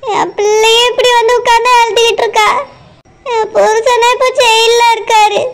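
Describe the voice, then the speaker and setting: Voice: very high-pitched, flat delivery, normal speed, fairly bright tone. A voice actor playing a worried middle-aged village mother in a cartoon, speaking with a southern Tamil Nadu village accent and pleading through tears. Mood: distressed. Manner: pleading, sobbing.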